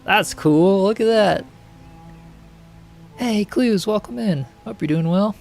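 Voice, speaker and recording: Soft music plays behind a man with a high, creaky, darkish voice who takes his time. He's a game streamer reacting to builds, keeping the live commentary light with lots of laughing and filler words.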